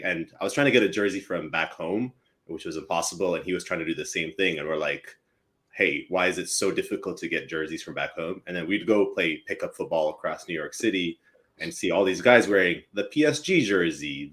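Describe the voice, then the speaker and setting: A young man from East Africa, a company co-founder chatting casually as a podcast guest with lots of fillers. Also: deep voice. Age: young adult. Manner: relaxed, rambling with many fillers.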